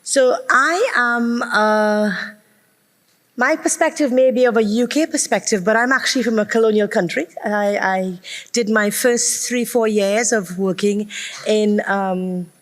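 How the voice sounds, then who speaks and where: A woman in her fifties from Trinidad and Tobago giving a conference keynote as a consultant physician, measured and dotted with ums. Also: a little high. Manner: measured lecturing with frequent ums. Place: large lecture hall. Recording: long reverb of a conference hall.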